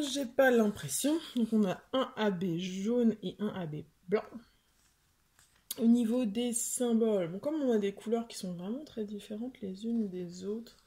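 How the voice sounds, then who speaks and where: A young woman chatting excitedly as she unboxes a craft kit at home, often stumbling and repeating words. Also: medium pitch. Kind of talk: casual unboxing chat. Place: home with a washing machine running.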